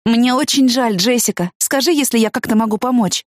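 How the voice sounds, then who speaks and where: A gentle, obliging female colleague speaking over the phone in an audiobook, as a woman narrator voices her. She sounds sympathetic and ready to help. The sound is close and dry. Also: a little high, fairly quick, no echo, pitched above the performer's own voice, natural voice.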